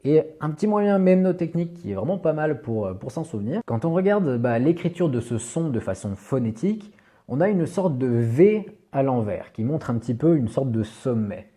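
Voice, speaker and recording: A man's voice: mid-range voice, sing-song, dark tone. A man teaching English pronunciation in a video lesson, speaking patiently and carefully, with frequent small fillers. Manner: patient, slow, with many "bah" fillers.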